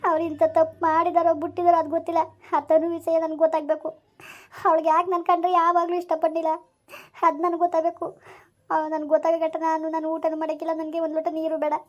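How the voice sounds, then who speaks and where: A woman's voice: very high voice, lo-fi sound. A woman playing a wronged young village wife, pleading and tearful in a family drama. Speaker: daughter-in-law Sunita in a family skit.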